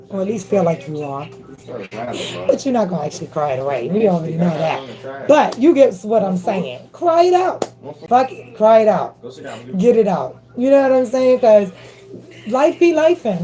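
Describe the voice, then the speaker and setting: A woman's voice: mid-range voice, dark tone, rough recording. A woman giving a casual motivational spiritual talk into her phone camera, emphatic and slangy, checking in with listeners with a constant "okay?". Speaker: spiritual reader.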